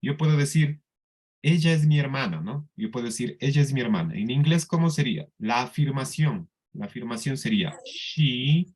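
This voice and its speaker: A man teaching an English class in Spanish with a Colombian accent, explaining slowly and patiently and often checking that the students follow. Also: mid-range voice, animated, darkish tone. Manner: slow, patient explaining with frequent checks for understanding. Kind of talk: classroom lesson.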